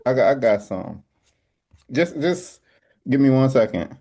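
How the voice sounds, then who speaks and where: A man hosts a casual podcast debate at an ordinary middle pitch. He hedges a lot and keeps stressing that the points he reads out are not his own. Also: very animated, moderate pace, dark tone. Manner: hedging, insists he is only the messenger. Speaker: podcast host.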